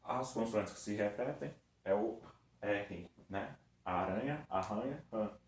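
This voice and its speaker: Patient male teacher, low, echoey room. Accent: Brazilian Portuguese. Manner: patient, drawn-out syllable-by-syllable demonstration. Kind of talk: recorded review lesson for children. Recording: echoey room with faint background noise.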